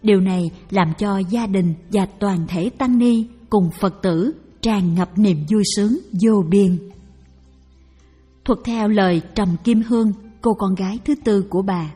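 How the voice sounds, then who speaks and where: A woman narrates a devotional story in a calm, measured way. Her voice is mellow and slightly breathy. It rings with a long reverb over faint music. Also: medium pitch. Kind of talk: scripted narration of a Buddhist testimony.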